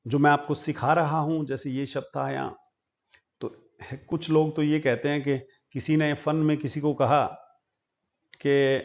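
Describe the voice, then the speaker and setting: A man from India, teaching English pronunciation in a slow lesson and repeating each word several times. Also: a little high, dull audio.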